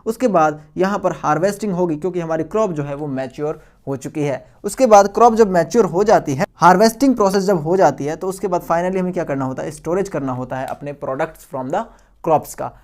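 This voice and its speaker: A man's voice: fairly high pitch, brisk, darkish tone. Man teaching science, quizzing students. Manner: asks questions and answers them himself; repeats key terms for emphasis. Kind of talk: recorded video lecture.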